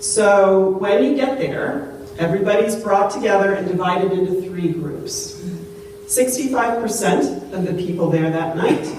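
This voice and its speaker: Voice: mid-range voice, warm tone. A pastor giving a sermon through a pulpit microphone in a church, telling a story in a conversational way and putting questions to the congregation. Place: church sanctuary. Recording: very echoey church, distant mic, faint hum.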